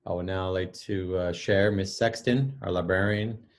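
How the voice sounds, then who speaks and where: A school principal reads out the week's announcements in a very low, steady voice. This man is encouraging and often pauses on "uh" between items. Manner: steady, encouraging, frequent "uh" fillers.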